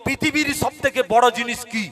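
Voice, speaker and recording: A man's voice: very high-pitched, steady tone, brisk, bright, forceful tone, recorded from a distance. A man playing a drunk older village man who bosses him with riddles, in a slurred, taunting way. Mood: bossy.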